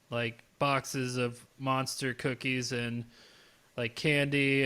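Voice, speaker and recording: Guy on a podcast, smooth even voice, rambly and laid back. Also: mid-range voice. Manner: relaxed, rambling, laughs often. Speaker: podcast co-host. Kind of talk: casual chat.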